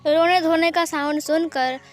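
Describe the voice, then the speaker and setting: High-voiced woman narrating a story. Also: normal speed, soft background music. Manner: lively, acting out every character. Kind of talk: storytelling reading of fan fiction.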